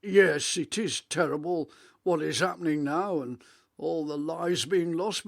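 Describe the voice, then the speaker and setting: A man, playing a rambling, reminiscing elderly grandfather on a video call in a radio monologue; his voice is rich and melodious, with halting restarts. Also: fairly high pitch, creaky, fairly bright tone, heavily acted. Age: 80s.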